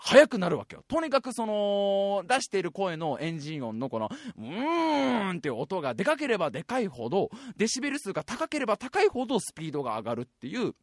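A man in his twenties hosting a podcast, telling stories in an animated way and laughing often. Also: sits high, fast talker, few pauses, dry recording, clean studio sound. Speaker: podcast host. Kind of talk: casual storytelling chat.

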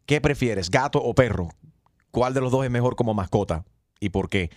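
Lively male radio host. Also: mid-range voice, moderate pace, no room sound, clean studio sound. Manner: lively, prompting callers. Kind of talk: morning radio show.

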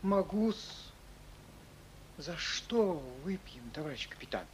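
An actor playing a deferential, eager young army orderly in a radio drama. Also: male voice, high voice, animated, takes it slowly, a little hiss or hum.

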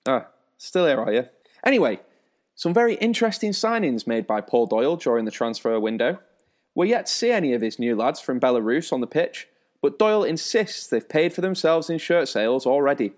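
A man's voice: mid-range voice, big pitch swings, fairly quick, darkish tone. A man hosting a spoof football show, with a dry, teasing presenter delivery. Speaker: host.

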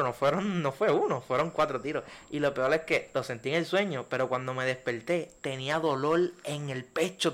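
A young man, co-hosting a casual podcast chat and telling stories in a loose, slangy way. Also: a little high. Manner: slangy storytelling, drawn-out and animated when telling a scary dream. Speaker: podcast co-host.

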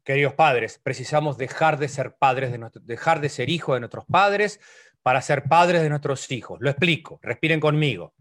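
A middle-aged Uruguayan Spanish-accented psychologist gives a humorous online motivational talk at a moderate pace. He is playful, leaping from loud, high complaining voices to soft, near-whispered lines.

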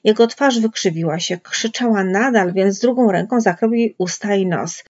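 A woman reading literary prose aloud in a measured storytelling manner, with a husky voice. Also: mid-range voice, a little mellow. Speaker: audiobook reader. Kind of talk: literary narration. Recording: dull lo-fi recording.

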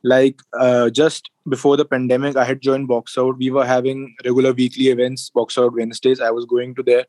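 A man's voice: mid-range voice, completely flat delivery, a little fast, a little mellow, no room sound, rough recording. A man in his twenties with a North Indian accent, chatting casually as an interview guest and switching between English and Hindi. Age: 20s. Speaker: interview guest, music producer and sound engineer.

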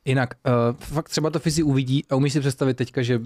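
A man's voice: medium pitch, fairly even intonation, darkish tone, no echo. Teasing man, dry close sound. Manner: teasing, crude banter. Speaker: podcast co-host. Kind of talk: casual group chat.

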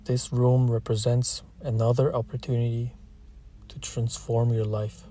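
In a relaxed, mellow, middle-pitched voice, a man narrates a slow, scripted guided meditation. His soothing delivery stays steady with barely any rise or fall, and long, unhurried pauses separate his short phrases.

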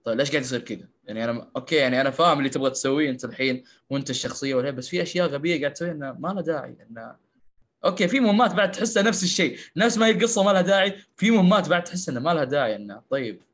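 Man, fast rapid-fire talk, higher pitch, laughing rants, podcast chat. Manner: animated, laughs while ranting. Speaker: podcast co-host. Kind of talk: casual gaming podcast chat.

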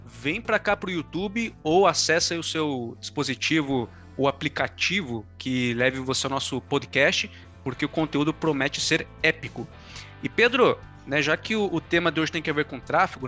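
A man's voice: a little high, sharp tone. A Brazilian man hosting an upbeat podcast interview, with an enthusiastic, emphatic presenter's delivery. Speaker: podcast host.

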